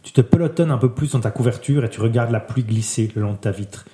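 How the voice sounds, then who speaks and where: Guy reading a story out loud, soft and slow-ish, warm mellow voice, echoey room. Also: medium pitch. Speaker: reader. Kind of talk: reading a literary text aloud. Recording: roomy echo.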